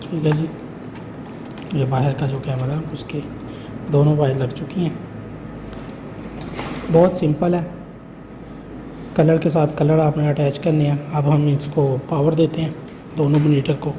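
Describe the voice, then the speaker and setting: Pausing often and going a little slowly, a man with a voice on the high side and a level tone demonstrates how to install an intercom. He explains each step casually and keeps adding check-in phrases, recorded in a clearly noisy room.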